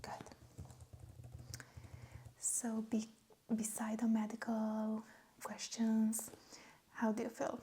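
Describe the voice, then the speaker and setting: Woman, soft whispery ASMR exam voice, slow and mellow, faint hiss behind. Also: on the high side, completely flat delivery. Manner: slow, gentle and reassuring. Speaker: ASMR roleplay nurse. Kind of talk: ASMR medical exam roleplay.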